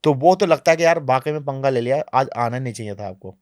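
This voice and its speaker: A man being interviewed on a podcast, telling travel stories in a lively, animated way, sometimes dropping to low, quiet asides. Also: fast, no room sound, clean studio sound. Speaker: travel vlogger guest. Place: podcast studio.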